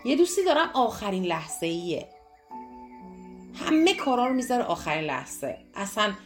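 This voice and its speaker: A woman's voice: mid-range voice, big pitch swings, soft background music. A woman teaching a self-development course, talking straight to her listeners and repeating phrases for emphasis. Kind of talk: teaching talk to a course audience.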